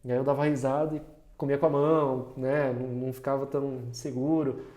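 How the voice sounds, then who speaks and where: A man's voice: medium pitch, little pitch movement, fairly quick, warm tone. A man in a casual podcast conversation, telling reflective stories and often laughing at himself. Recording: roomy echo.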